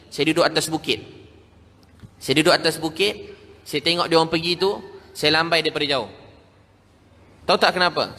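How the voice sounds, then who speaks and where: A man's voice: a little high, pushed and bright. A man with a Malaysian Malay accent preaching a storytelling sermon, emphatic and repeating phrases for stress. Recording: long hall reverb.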